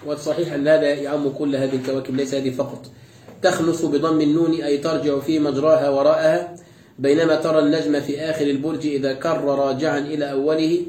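A man's voice: on the high side, mellow. A man giving a Quran exegesis lesson, reciting each verse and then explaining it word by word. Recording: echoey room, voice distant from mic.

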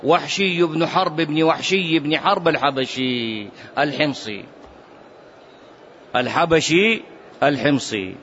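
A man teaching a religious class, quizzing his students with animated, mocking asides. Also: a little high, a little slow, long pauses, dull audio, slight background noise. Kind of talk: classroom lesson.

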